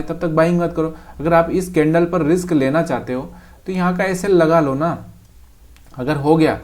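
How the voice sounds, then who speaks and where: A man teaches trading over a chart in a casual, direct way, calling the viewer brother. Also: a little high. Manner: talks straight to the viewer, calls them brother.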